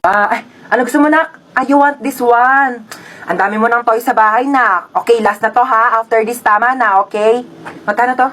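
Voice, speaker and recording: A woman's voice: a little high, steady tone, normal speed, fairly bright tone, natural voice. A woman playing a playful mother who teases her child fondly. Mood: indulgent. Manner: teasing, fond.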